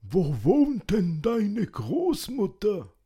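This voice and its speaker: A woman voicing a sly, scheming storybook wolf who talks slowly and coaxingly. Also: medium pitch, wildly swooping pitch, mellow, breathy edge, heavily acted. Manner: slow, coaxing, disguised. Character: sly male wolf, scheming and sweet-talking.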